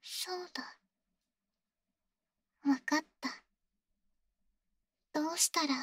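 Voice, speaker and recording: A clingy, insecure young girlfriend in an ASMR role-play audio drama, sweet yet eerily obsessive. Her voice is extremely high and girlish, with slow, halting, pleading delivery. It sounds close and dry. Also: no echo. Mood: quietly scheming.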